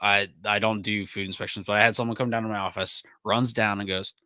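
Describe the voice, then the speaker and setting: A young man, co-hosting a casual podcast and telling animated stories with frequent laughs. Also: lowish voice, fast talker, clean tone, no room sound. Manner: animated storyteller, laughs often. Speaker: podcast co-host. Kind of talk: casual chat.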